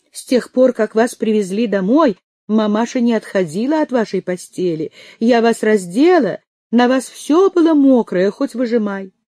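A woman's voice: medium pitch, dark tone, dry recording, studio quality, voice pushed up. A woman voicing a fussy, tearful young maid who chatters and dotes on her mistress. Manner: fretful, doting, chattering.

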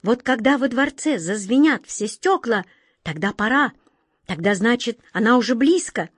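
High, quick whirlwind sprite for a fairy tale, woman reader voicing him, dry close sound. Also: husky, no room sound. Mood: insistent. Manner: excited, whistling, darting delivery. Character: lively boyish whirlwind spirit, quick and touchy.

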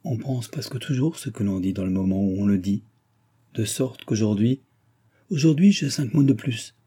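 A man's voice: fairly low pitch, normal speed, warm tone, breathy edge. A man playing a cold, arrogant young man who lectures with disdain in a read-aloud novel. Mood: lecturing.

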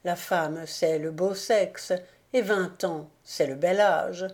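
A woman's voice: lowish voice, slow, darkish tone. A woman doing an earnest, anxious young knight. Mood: hopeful.

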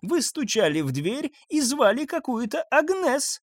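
Shrill hysterical old mother. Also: sing-song, a little slow, no echo, full character voice. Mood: accusing. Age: older. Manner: shrieking, tearful, hysterical. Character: frantic older mother, shrill and accusing.

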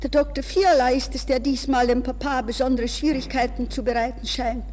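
This actress plays a proud but anxious young woman in a 1960s radio drama, pleading nervously, lightly acted. Her voice is high and darkish, brisk, with fairly even intonation. Breathless and nervous, she shifts from polite talk to inner thoughts, heard through a reverberant, hissy 1960s radio recording.

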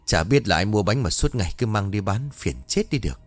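A man's voice: fairly low pitch, expressive, brisk, soft background music. A male storyteller voicing a middle-aged woman who runs a café, scolding and gossiping in a horror audio story. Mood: gossipy.

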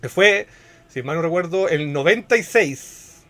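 A man's voice: on the high side, lively intonation, a little slow, a bit bright. A man in his thirties with a Chilean accent, hosting a casual podcast and explaining at length in a chatty, slangy way. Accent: Chilean Spanish. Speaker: podcast host.

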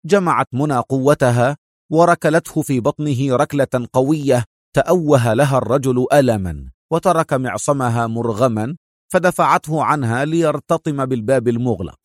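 A man's voice: mid-range voice, moderate pace, dry recording, studio quality. Man narrating a thriller audiobook. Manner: vivid storytelling.

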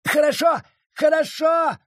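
A man playing a cowardly male judge who begs desperately for mercy in a high, strained voice. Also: sing-song, a little slow, breathy edge, dry recording, clean studio sound, exaggerated voice. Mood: begging.

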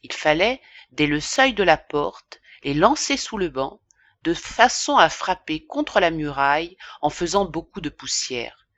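A woman narrating a classic novel as an audiobook, in a measured, expressive reading. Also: low-pitched, no room sound. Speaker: audiobook reader.

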